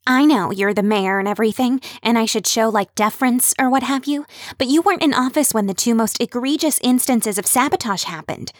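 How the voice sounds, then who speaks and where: A squeaky, high-strung young woman frets and apologizes her way toward indignation, as a woman narrator puts her on. The voice sits noticeably higher than the reader's own, and the recording is dry and close. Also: a little fast, no echo, lightly acted. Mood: indignant. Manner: fretful, apologetic, rising to indignant. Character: anxious, rule-bound young woman committee organizer.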